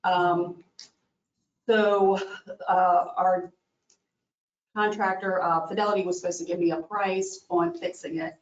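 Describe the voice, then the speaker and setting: A woman's voice: medium pitch, expressive, a little slow, pauses often. A woman from a county maintenance department explaining an equipment failure to commissioners, with many fillers. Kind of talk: presenting a request at a public meeting. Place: county meeting room. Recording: distant, echoey, dull room audio.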